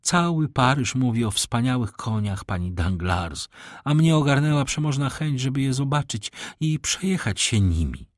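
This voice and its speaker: A man voicing a terrified aristocratic young mother in an audiobook, high, effusive and breathless. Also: animated, moderate pace, no echo, clean studio sound, close to an everyday voice. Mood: grateful.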